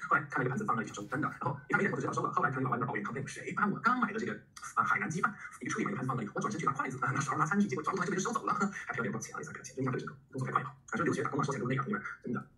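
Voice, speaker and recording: Fast-talking, bright-voiced male teacher. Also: medium pitch, low-quality recording. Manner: animated, chatty, spells words aloud letter by letter. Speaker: English vocabulary teacher. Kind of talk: lively classroom lecture.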